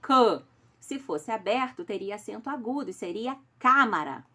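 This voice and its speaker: A woman's voice: medium pitch, lively intonation, moderate pace, sharp tone. A Brazilian woman teacher correcting homework in a recorded class, patient and affectionate, explaining step by step and checking in with her pupils. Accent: Brazilian Portuguese. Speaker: schoolteacher.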